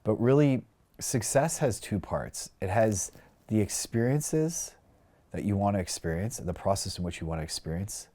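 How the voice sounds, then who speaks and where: A man's voice: lowish voice, animated, moderate pace, mellow. A man talking earnestly and reflectively in a casual conversation, heavy on "like" and "you know.". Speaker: podcast guest, career coach.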